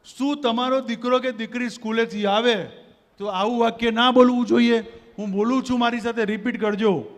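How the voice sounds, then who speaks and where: A man's voice: very high voice, steady tone, moderate pace. A man giving a motivational stage talk at a community gathering, rousing the crowd and leading them in call-and-response. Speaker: motivational speaker. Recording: long hall reverb.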